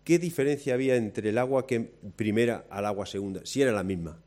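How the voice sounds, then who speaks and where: A man preaching a sermon, telling the story with lively acted-out quotes and questions to the listeners. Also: medium pitch, quick pace. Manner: lively storytelling, acts out quoted voices, asks the audience questions.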